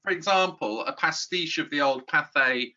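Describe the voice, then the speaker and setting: A man's voice: fairly high pitch, moderate pace, sharp tone, muffled recording. A middle-aged man, chatting as an interview guest in a rambling, self-deprecating way with frequent restarts. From England. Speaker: YouTube guide host, interview guest. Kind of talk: casual interview chat.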